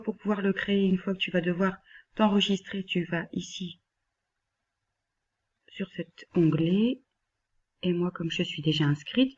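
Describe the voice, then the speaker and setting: Woman instructor, husky voice, patient step-by-step screen tutorial, slightly dull computer-mic sound. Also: lowish voice, a little mellow. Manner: patient, step-by-step, addressing the listener directly. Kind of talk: screen-recorded software tutorial.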